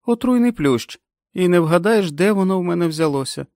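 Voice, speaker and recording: A man's voice: high voice, animated, brisk, a little mellow, dry recording, clean studio sound, pitched above the performer's own voice. A man voicing a chatty, rueful woman who complains wryly about a rash.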